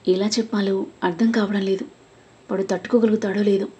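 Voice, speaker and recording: Woman as a sad, gentle older sister, soft husky voice, storybook tone. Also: medium pitch, little pitch movement, a little fast. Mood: sad resolve. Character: young woman, burdened, caring elder sister.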